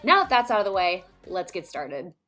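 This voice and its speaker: A woman reading a scripted podcast disclaimer in a measured way. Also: on the low side, very animated, fairly bright tone, soft background music. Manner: measured, read aloud.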